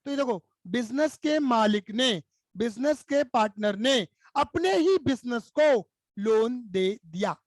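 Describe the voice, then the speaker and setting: A man's voice: extremely high pitch, animated, slow, dry recording. A man teaching accountancy in Hindi-accented speech, explaining playfully and acting out little skits and chants for students. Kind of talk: energetic classroom explanation.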